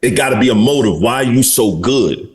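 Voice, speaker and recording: A man's voice: medium pitch, animated, brisk. Blunt, outspoken man in his forties. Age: 40s. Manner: blunt, profane, candid. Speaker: podcast host. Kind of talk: casual podcast chat.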